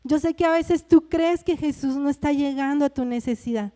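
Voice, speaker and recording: A woman's voice: high-pitched, normal speed, warm tone, long reverb tail. A woman with a Mexican Spanish accent preaching a sermon in a conversational way, often asking her listeners "¿verdad?".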